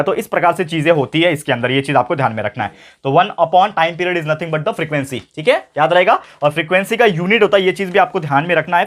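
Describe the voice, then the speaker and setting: A young male tutor with a fairly high voice gives an online science lesson. He mixes English phrases into his talk and keeps asking his class rhetorical questions. He slows right down to repeat each key term.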